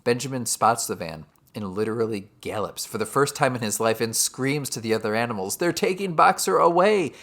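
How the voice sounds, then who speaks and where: A man with a fairly low voice reads a prepared literature summary like a teacher. His delivery is steady, and he drops wry, sarcastic asides along the way. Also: brisk, few pauses. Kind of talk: scripted book summary narration.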